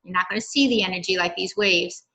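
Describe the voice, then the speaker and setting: An older woman reading a picture book aloud, then explaining sound to children in a gentle, plain way with many "okays.". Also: fairly low pitch, fast, poor audio. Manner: gentle, explaining with frequent "okay" and "right". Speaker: library science program leader. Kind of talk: children's science lesson.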